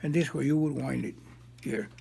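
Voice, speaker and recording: A man's voice: medium pitch, fairly quick, vocal fry, warm tone, slight background noise. An older man casually explaining how something works, in repetitive, folksy phrasing. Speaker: grandfather showing his old cameras.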